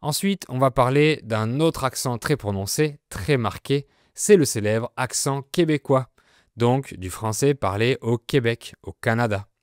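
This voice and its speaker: A French man hosting a podcast lesson, explaining with slow, clear delivery. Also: medium pitch, no room sound, studio quality. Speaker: French teacher, podcast host.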